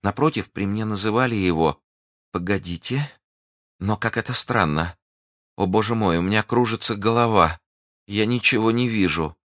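A frightened, devoted young woman from a storybook, as a male reader puts her on, pleading and breathless. Her voice sits well above the reader's deep own tone, close and dry. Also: normal speed, a bit bright, dry recording, natural voice. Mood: faint.

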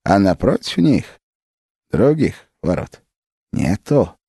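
A man's voice: on the low side, sing-song, takes it slowly, warm tone, breathy edge, no echo, studio quality, heavily acted. A man voicing a fervent, secretive tsar. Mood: secretive whisper. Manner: whispering, then triumphant and fervent.

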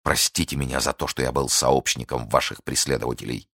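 Zealous excitable young officer, exclaiming, played by a man in audiobook style, close dry mic. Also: rumbling low, brisk, creaky, slightly rough, no room sound, voice pushed down, full character voice. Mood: pleading. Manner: exclamatory, impassioned. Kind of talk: audiobook reading.

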